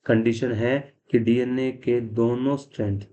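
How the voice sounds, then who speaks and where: Teacher quizzing himself through a biology lecture. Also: male voice, mid-range voice, little pitch movement, unhurried, dark tone, muffled recording. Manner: explains step by step, asks and answers his own questions; mixes English science terms into Hindi. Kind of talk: classroom lecture.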